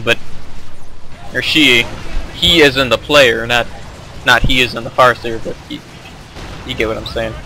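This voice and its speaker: A man's voice: mid-range voice, pushed and bright, slight background noise, poor audio. A young man casually commentating his own strategy game replay, rambling and correcting himself as he goes. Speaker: gameplay commentator.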